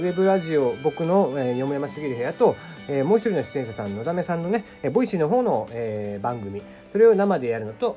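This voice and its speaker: Man, solo web radio host, casual rambling talk, lots of fillers, lively pitch swings, dark mellow tone. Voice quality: slight mixed regional lilt in standard speech. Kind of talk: casual solo talk, reading listener questions.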